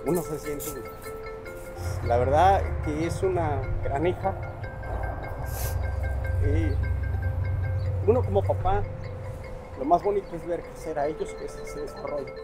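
A man in his forties from Mexico, with a Mexican Spanish accent, speaks in a halting, heartfelt way as a proud father in a short interview outdoors by a grocery store. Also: fairly high pitch. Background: soft music.

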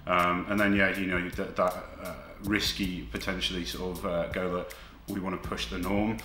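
A man's voice: sits low, flat delivery, normal speed, sharp tone. A man, talking as a bike designer in a casual interview, hesitant and full of fillers. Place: small bike workshop indoors. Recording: echoey room with background noise.

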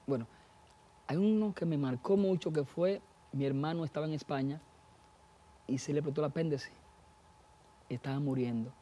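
High-voiced man giving an earnest testimony. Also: moderate pace, long pauses, warm tone, slight background noise. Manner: earnest preaching tone, addresses listeners as brothers. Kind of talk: personal faith testimony.

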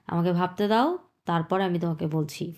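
Slow, patient language teacher woman. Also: on the low side, a little mellow. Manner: explains patiently, repeating Chinese phrases slowly then translating. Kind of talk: online language lesson.

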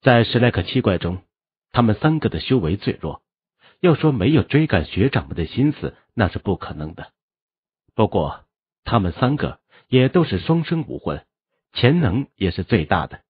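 Low, husky male audiobook narrator. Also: moderate pace, dry recording, narrow, tinny audio. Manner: animated storytelling. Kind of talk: expressive novel narration.

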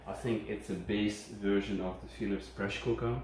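This is a channel host with a Ukrainian accent, his lowish, slightly mellow voice moving at normal speed with fairly even intonation. He gives an unscripted, easygoing review of a kitchen appliance at home, hesitating often as he explains things warmly. The phone camera sits at a distance, picking up kitchen echo and a faint hum.

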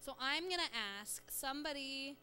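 A woman leading a children's sermon in a church, coaxing the children along with lively questions. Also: high-pitched, moderate pace. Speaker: church children's message leader. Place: church sanctuary.

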